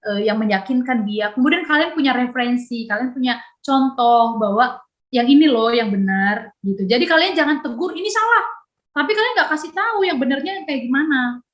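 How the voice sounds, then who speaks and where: A woman, teaching a youth Bible lesson over a video call. She chats lively, laughs often and acts out dialogue. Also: sits high, fairly quick, dull audio.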